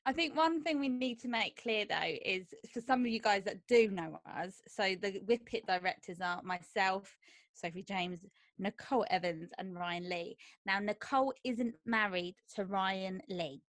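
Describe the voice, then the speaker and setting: A woman's voice: medium pitch, moderate pace, dry recording. Chatty south London woman, dry close sound. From Croydon, south London. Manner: chatty, self-deprecating, jokey. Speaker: podcast co-host. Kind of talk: casual podcast chat.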